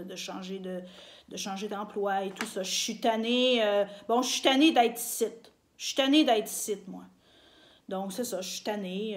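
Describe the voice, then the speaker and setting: A woman's voice: medium pitch, slight background noise. A woman from Quebec with a Québécois accent, giving a casual video lesson on her channel, chatty with many fillers and easy laughs. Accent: Québécois French. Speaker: language teacher on her channel.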